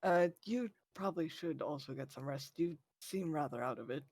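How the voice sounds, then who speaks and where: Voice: mid-range voice, moderate pace, darkish tone, no echo. A player in a tabletop role-playing game, speaking in character in a tentative, polite way. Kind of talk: in-character roleplay.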